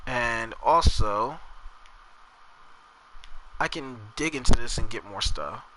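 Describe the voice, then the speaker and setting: A chatty gamer streamer from New Jersey, speaking with a New Jersey accent, rambles casually through his gameplay and talks to chat as he plays. His mid-range voice is a bit bright, and he takes it slowly. The audio is poor, with a little hiss or hum and game music behind his voice.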